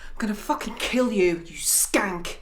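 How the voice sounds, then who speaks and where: An actress playing a betrayed young woman, shouting in fury at her fiancé. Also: mid-range voice, a little slow, close to an everyday voice. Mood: furious. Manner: angry, shouting. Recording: echoey room with noise.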